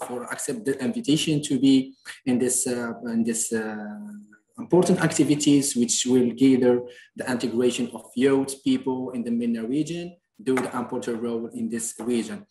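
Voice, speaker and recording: Moroccan man, mid-pitched, moderating a video-call panel with stop-start phrasing in a roomy, echoing space. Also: darkish tone. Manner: halting, many restarts and fillers.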